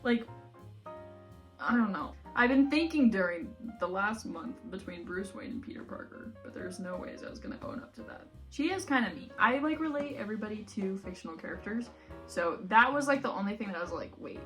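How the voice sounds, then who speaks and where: A young adult woman with an American accent vlogs casually while organizing books, rambling along in a self-deprecating, giggly way. Her voice sits at medium pitch and is expressive, fairly quick and a bit bright, with music playing in the background.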